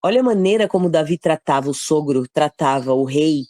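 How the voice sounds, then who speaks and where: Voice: medium pitch, lively intonation, fairly quick, mellow, dry recording, studio quality. Líder de estudo bíblico com sotaque brasileiro. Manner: conversational, explains step by step, frequent tag questions. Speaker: Bible study leader. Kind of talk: casual Bible teaching.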